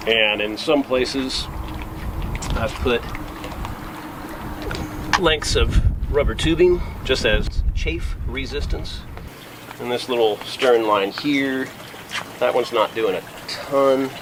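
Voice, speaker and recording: Man explaining casually over clear background noise. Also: on the low side. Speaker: liveaboard sailor, vlog host. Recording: noisy boat recording with windy ambience.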